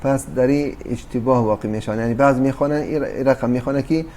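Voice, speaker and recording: A man's voice: medium pitch, fairly even intonation, mellow, a little hiss or hum. A man teaching a recorded Quran recitation lesson, explaining patiently with fillers and restarts. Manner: addresses listeners as dear brothers and sisters.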